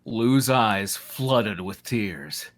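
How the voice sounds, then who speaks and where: In this comedic group read-aloud, someone narrates fan fiction to friends with mock drama, drawing out words in an expressive, medium-pitched voice. They keep breaking off for amused side comments, and laughter erupts often.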